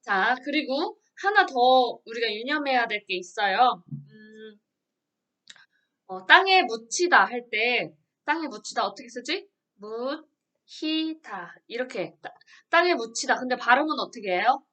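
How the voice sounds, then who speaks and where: A woman's voice: on the high side, big pitch swings, moderate pace, pushed and bright. A woman teacher giving an online grammar lesson, explaining patiently and asking her students questions she then answers herself.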